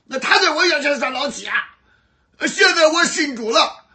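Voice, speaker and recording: A grumbling, self-pitying reformed gangster, a middle-aged man who complains on and on about being pushed around, as a preacher puts him on. The voice is very high and bright with a lively, swinging pitch. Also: moderate pace, exaggerated voice. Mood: aggrieved.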